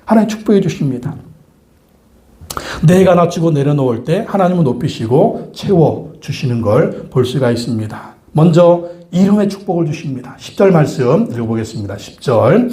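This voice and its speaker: A man's voice: a little high, animated, normal speed, mellow, reverberant. A man preaching a sermon as pastor, who asks the congregation questions, answers them himself and repeats key phrases for emphasis.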